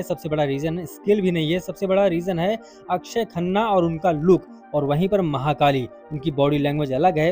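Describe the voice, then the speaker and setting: A man's voice: high voice, warm tone. A man giving a casual, chatty film review to his viewers, calling them brother and friend.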